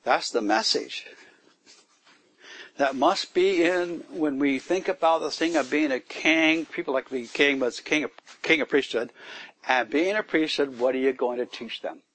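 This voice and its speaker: Delivering a sermon at a church gathering in the woods, a man with a highish, slightly bright voice speaks at normal speed, swelling into emphatic bursts and questioning his listeners. The recording is dry.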